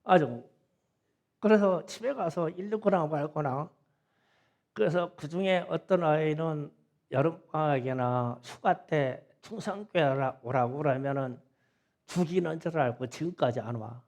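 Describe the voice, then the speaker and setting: Gravelly-voiced man preaching a story. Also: a little high, a little slow. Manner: animated storytelling, acts out kids' voices and wailing. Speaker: pastor. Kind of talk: sermon storytelling. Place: church sanctuary.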